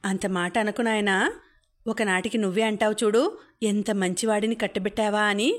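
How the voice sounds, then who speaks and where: Give me a doting, pleading middle-aged mother, read by a woman in an audiobook, with a level, even delivery. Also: medium pitch, normal speed, close to an everyday voice. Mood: coaxing.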